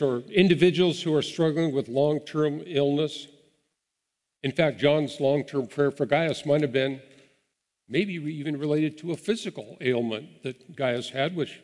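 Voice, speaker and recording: A man's voice: fairly high pitch, darkish tone. A man preaching a sermon as pastor, earnest and encouraging, with small restarts as he talks. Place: church sanctuary. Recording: long hall reverb.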